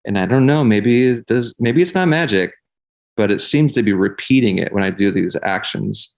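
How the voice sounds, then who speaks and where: A man's voice: lowish voice, normal speed, gravelly, a little mellow. A man talking candidly and casually as a podcast guest, in an earnest, rambling way peppered with swearing.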